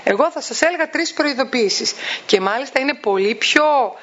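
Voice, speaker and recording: A woman with a high voice gives parents advice and acts out the voices of parents and children with a lot of energy. Her pitch rises sharply on key words. The recording sounds dull and muffled. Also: expressive, fairly bright tone. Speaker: parenting educator. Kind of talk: talk giving advice to parents.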